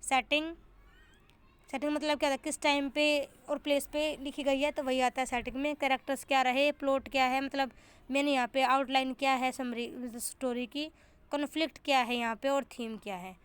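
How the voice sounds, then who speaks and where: A woman's voice: high-pitched, fairly even intonation, brisk. A young woman tutoring for an exam in a casual explanatory lesson, often repeating and restarting as she explains and mixing in English terms.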